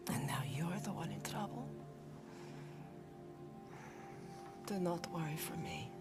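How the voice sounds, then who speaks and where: An actress playing a tender, sorrowful mother in a video game drama, gently comforting her son and often slipping into whispers. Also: sits low, takes it slowly. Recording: loud music under the voice.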